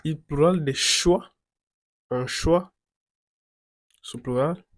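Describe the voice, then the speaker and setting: Slow, careful man teaching French. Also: fairly high pitch, dry recording, studio quality. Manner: repeats each French word slowly and clearly. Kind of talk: slow beginner quiz lesson.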